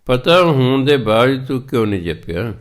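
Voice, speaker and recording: Male preacher, sermon delivery, measured pace with drawn-out chanted lines. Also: mid-range voice, very animated. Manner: slow chanted verse quotations between explanations. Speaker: Sikh preacher giving scripture commentary. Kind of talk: katha sermon on scripture.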